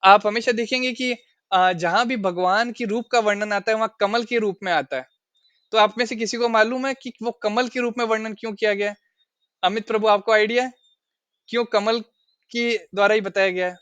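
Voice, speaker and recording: A man's voice: high voice, steady tone, moderate pace, fairly bright tone, clear, resonant tone, dry recording. A man teaching a scripture class, explaining verses at length and asking his listeners questions. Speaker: spiritual teacher.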